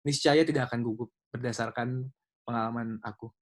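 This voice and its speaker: A man's voice: mid-range voice, fairly even intonation, fairly quick. Young man hosting a casual online chat. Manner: casual, hesitant, full of fillers. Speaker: youth meeting host. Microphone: video call.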